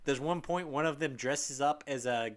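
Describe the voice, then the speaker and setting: A man's voice: on the high side, moderate pace. A man co-hosting a podcast, chatting casually and animatedly retelling game scenes with laughter. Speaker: podcast co-host.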